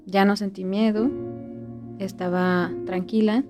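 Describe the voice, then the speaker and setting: Mexican woman telling her own scary story, soft voice that trails off, clear music playing behind. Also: mid-range voice, level tone, slow pace. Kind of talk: recounting a personal ghost story.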